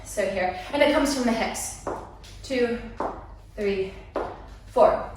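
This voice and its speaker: High-voiced woman teaching dance, echoey room. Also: takes it slowly, background noise. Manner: playful, counting beats aloud. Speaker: dance instructor. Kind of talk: dance lesson walkthrough. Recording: echoey room, mic far off.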